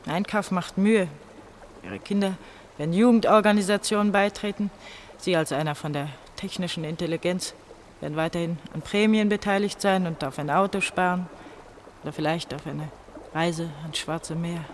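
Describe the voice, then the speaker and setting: In a German radio play, an actress portrays a bitter, feverish eighteen-year-old girl from East Germany, brooding and halting as she speaks. Her voice runs on the low side, the acting is light, and there's slight background noise.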